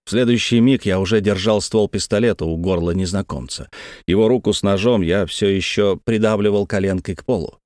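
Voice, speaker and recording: Guy reading a gritty first-person audiobook, lowish voice, bone-dry close mic. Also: brisk, a little mellow, no room sound. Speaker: audiobook narrator.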